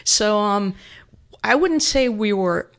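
A woman's voice: medium pitch, animated, slow pace. A middle-aged woman, a guest in a radio studio, telling her family's story in an earnest, plain-spoken way. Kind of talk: personal storytelling.

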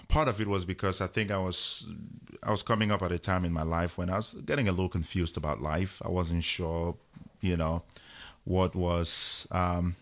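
A man, a guest telling a personal story in an unhurried way with many fillers. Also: low voice. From Cameroon.

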